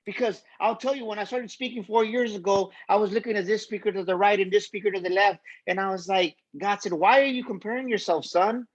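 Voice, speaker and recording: A man preaching faith-based self-confidence in a higher-than-usual voice, driving his points home by saying them twice. The sound is dull and lo-fi, as from a video call. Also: fairly even intonation, a little fast, few pauses. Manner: preachy, repeats key lines for emphasis. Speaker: motivational speaker. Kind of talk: faith-based motivational speech.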